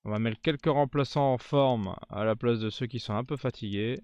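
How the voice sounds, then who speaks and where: A man talks through his gameplay in a casual, conversational way. His voice sits at a medium pitch. He comments as he plays, with a grumbling, sarcastic edge to his asides. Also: normal speed, a little mellow, dry recording. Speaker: gaming video creator.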